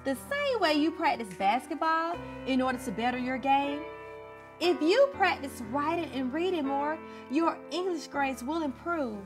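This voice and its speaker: A woman's voice: sits high, lively intonation, measured pace, music in the background. A woman playing an encouraging poetry teacher on a children's show, in a broad singsong delivery. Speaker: teacher, show's star. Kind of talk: scripted children's show acting. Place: indoor TV studio set, light music behind.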